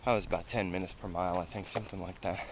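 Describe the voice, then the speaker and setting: American man vlogging over loud outdoor noise. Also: sits low, steady tone, rapid-fire. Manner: rambling, conversational. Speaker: running vlogger. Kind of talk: casual vlog talk while out running. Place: outdoors on town and semi-rural streets. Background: loud road and outdoor noise.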